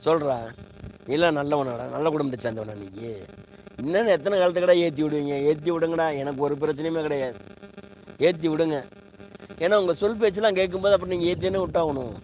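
A man's voice: fairly high pitch, fast, darkish tone, a little hiss or hum, rough recording. Indignant man ranting on a livestream. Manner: indignant, repetitive, rhetorical questions. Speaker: live streamer. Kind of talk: heated livestream rant.

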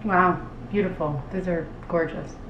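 A low-voiced woman hosts a cooking show, talking casually while she works in a small indoor kitchen with a tiled floor. Her chat is loose and halting, full of "like." She sounds distant and muffled, picked up by a roomy mic with loud room noise.

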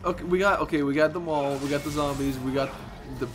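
A man co-hosting a game playthrough, goofy and rambling, sometimes breaking into loud shouts. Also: a little high, fairly even intonation, quick pace, background noise. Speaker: let's play co-host. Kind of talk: casual gameplay commentary.

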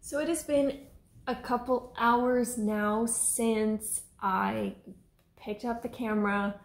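Woman, 30s, home vlog, chatty, upbeat, slow pace, echoey room. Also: fairly high pitch, steady tone, vocal fry. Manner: chatty and upbeat, talking through her day. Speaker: vlogger. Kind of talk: casual vlog chat to camera. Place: home kitchen and living room indoors. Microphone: camera on a stand in front of her.

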